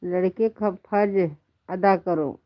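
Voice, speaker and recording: Woman host, casual live chat, slow and playful, lo-fi phone audio. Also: medium pitch, no room sound. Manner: chatty and playful, laughs often, calls viewers "my child". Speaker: live-stream host chatting with viewers. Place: at home in bed under a quilt.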